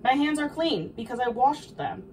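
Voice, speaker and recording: Young woman as a cheerful video game princess, dainty cooking-tutorial delivery, high and lively, recorded at a distance in a kitchen. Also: normal speed. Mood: thoughtful, instructive. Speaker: host of a baking video. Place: small home kitchen, indoors. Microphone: camera a few feet away. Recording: distant mic, noticeable background noise.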